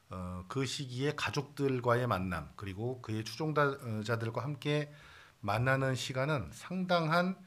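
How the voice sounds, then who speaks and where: Lively bright-voiced male pastor preaching. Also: mid-range voice. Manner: conversational preaching with playful asides and many fillers. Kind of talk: Sunday sermon. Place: church sanctuary.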